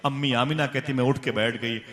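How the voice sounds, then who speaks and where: A man preaching a devotional sermon to a gathering, telling the story in dramatic first-person scenes that swell loud at the emotional peaks. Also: medium pitch, steady tone, a little fast. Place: religious gathering with an audience. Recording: long reverb of a hall.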